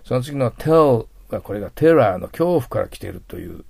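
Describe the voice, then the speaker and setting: Speaking briskly at a medium pitch, this middle-aged man sounds expressive and a little mellow, with some vocal fry. He's giving a patient, explanatory English vocabulary lesson, frequently trailing off almost to a whisper as phrases end.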